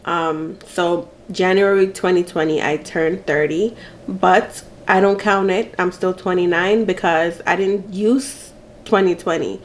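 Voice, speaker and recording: A woman's voice: on the low side, fairly even intonation, unhurried, slight background noise. A woman, chatting playfully and laughing often as she answers get-to-know-me questions while eating. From Jamaica. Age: 30s. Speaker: mukbang vlogger.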